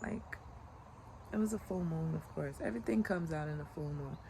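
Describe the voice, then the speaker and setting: On a sunny country morning outdoors, a woman vlogger in her late 20s speaks low at a moderate pace, with a little hiss or hum on the track. Her chat is relaxed, reflective and rambling, sprinkled heavily with "like," over clear outdoor ambience.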